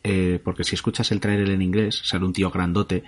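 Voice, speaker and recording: A man's voice: deep voice, little pitch movement, quick pace. A man co-hosting a podcast, chatting casually, rambling and correcting himself mid-sentence, with casual swearing. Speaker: podcast co-host. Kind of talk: casual chat.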